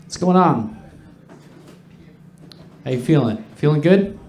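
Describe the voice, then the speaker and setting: A man performing stand-up comedy to a live audience, with a crude, profane, conversational delivery and dark jokes. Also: fairly high pitch, animated, takes it slowly. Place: indoor pub comedy stage. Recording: echoey live comedy room.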